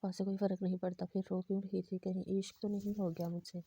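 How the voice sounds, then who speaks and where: A woman voicing a playful, teasing young husband who is recovering from an injury, read in the same flat tone as her narration of an Urdu romance novel. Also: medium pitch, fast, slightly rough.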